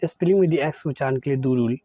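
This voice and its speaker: An English teacher from India gives a pronunciation lesson, stating each rule and then reading example words one by one. His mid-range voice is warm and mellow, and he races along. The recording is dry and close.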